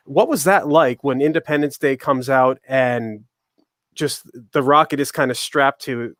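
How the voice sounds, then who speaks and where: A man's voice: medium pitch, no echo, studio quality. A man moderating an interview, asking long, rambling questions full of fillers. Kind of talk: casual interview.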